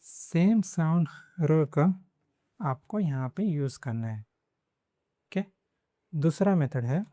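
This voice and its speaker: Male language teacher, unhurried and repetitive delivery, dry close sound. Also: fairly high pitch, expressive, warm tone, no echo. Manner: slow, repeats example words several times. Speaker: Spanish teacher. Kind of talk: language lesson in Hindi.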